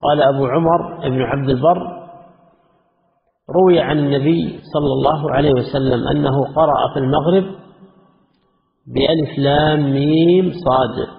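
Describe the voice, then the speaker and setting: A man delivers a religious lesson, reading from a classical text in a measured manner and adding his own comments. His slightly high voice carries a gravelly edge. The audio is tinny and phone-like, with a long echo from the hall. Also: steady tone. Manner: measured, reads quoted passages then comments. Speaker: Islamic scholar teaching a text.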